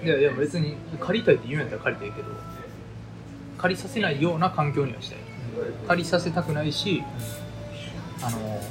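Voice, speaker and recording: A man's voice: fairly high pitch, lively intonation, fairly quick, long pauses, over music, poor audio. A young adult man with a Kansai Japanese accent chatting casually with a friend and arguing his opinions. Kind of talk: casual chat between friends.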